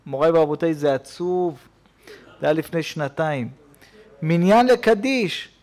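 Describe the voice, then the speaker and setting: Animated preaching rabbi, high voice. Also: male voice. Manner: animated storytelling preacher, swings between loud and hushed. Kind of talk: sermon. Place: synagogue.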